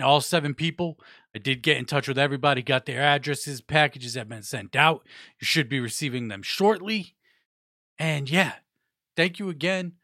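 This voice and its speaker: A young man with a fairly high-pitched voice hosts a casual hip hop podcast in clean studio sound without echo. He sounds stuffed up and talks loosely, swearing, dropping slang, and giving shout-outs.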